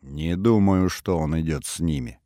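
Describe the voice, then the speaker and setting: No-nonsense young woman, curt and sober, read by a deep-voiced man, dry booth sound. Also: normal speed, mellow, dry recording. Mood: grim, blunt. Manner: curt, matter-of-fact. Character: young woman, blunt and level-headed.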